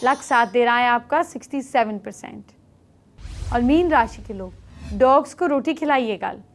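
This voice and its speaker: A middle-aged woman hosting an astrology show, briskly giving horoscope remedies and speaking straight to viewers. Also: on the high side, soft background music. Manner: brisk, instructive, addresses viewers directly.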